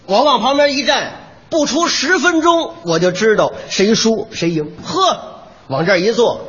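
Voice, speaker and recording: Man, very high voice, bouncy pitch, crosstalk comedy, dull old recording. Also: moderate pace, breathy edge. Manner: lively storytelling, mimics card players.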